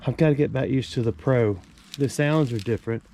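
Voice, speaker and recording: A man's voice: medium pitch, fairly quick, mellow, a little hiss or hum. A man giving casual, wryly joking commentary outdoors as he vlogs about metal detecting. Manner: folksy, wry joking. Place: outdoors in a rural yard.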